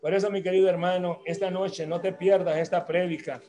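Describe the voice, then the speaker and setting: A man's voice: high-pitched, flat delivery, brisk, warm tone. A man hosting a religious program, giving announcements and church talk in a rambling, hesitant way, full of restarts and tag questions.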